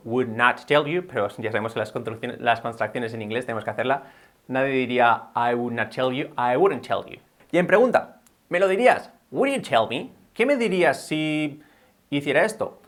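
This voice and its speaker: A man's voice: medium pitch, a bit bright. Man drilling English pronunciation. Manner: drills words by repeating them slowly. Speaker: English teacher. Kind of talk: bilingual video lesson.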